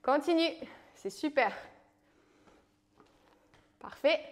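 High-voiced upbeat French fitness coach. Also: female voice, expressive, very slow. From France. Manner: upbeat coaching cues, counting reps, playful asides. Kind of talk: guided home workout instruction.

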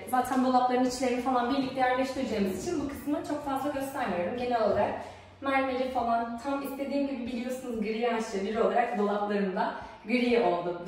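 A woman in her twenties chatting casually to viewers as she gives a home tour. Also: fairly high pitch. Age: 20s. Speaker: vlogger giving an empty home tour. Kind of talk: casual vlog chat to viewers. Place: empty apartment rooms, indoors. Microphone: camera or phone a few steps away. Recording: very echoey empty rooms, far from mic.

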